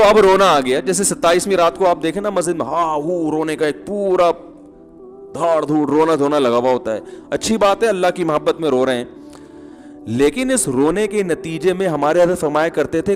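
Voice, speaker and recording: A man's voice: fairly high pitch, long reverb tail. A man giving a humorous, conversational sermon as an Islamic preacher, with chuckling asides.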